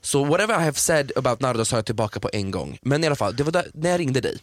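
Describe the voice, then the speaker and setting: A man's voice: medium pitch, lively intonation, dry recording. A man co-hosting a podcast, chatting casually and acting out scenes in exaggerated voices. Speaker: podcast co-host. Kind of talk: casual chat.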